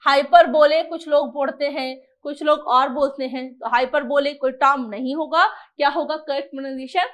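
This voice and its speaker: A young woman teaching an English exam lesson in a lively coaching style, asking questions and answering them herself. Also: high voice, normal speed, hardly any pauses.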